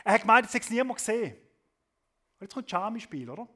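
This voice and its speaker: A man preaching a sermon, swinging between loud emphasis and soft low asides, often adding a questioning tag to his points. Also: sing-song, quick pace.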